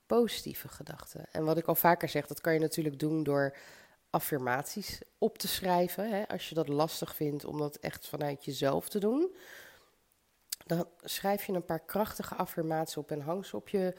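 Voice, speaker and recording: Speaking at a moderate pace, this woman has a low voice with vocal fry and a slightly mellow tone. She hosts a podcast and, despite a mild cold and stuffed-up nose, encourages the listener directly in a motivational self-help monologue.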